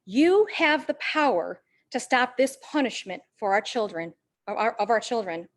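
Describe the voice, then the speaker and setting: A woman with a fairly high voice reads a prepared statement at a school board meeting. She speaks as a parent and a teacher, measured in pace, and slows down to lean on the words she wants to stress. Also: animated. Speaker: parent and teacher at public comment. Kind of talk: prepared public comment statement.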